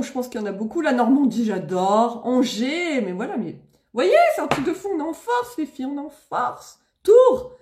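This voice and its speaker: Bubbly high-voiced woman live-streaming makeup. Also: darkish tone. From Seine-et-Marne, France. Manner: bubbly, exclamatory, laughs often. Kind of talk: chatty live-stream talk to followers. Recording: echoey room.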